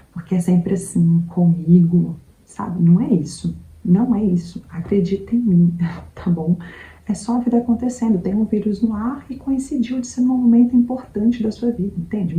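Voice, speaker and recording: A woman with a low, very dark and mellow voice gives a conversational motivational talk. She keeps checking in with the listener as she speaks, and the sound carries the ring of an echoey room. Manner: conversational, repeats "entende?" to the listener. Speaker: self-help video host.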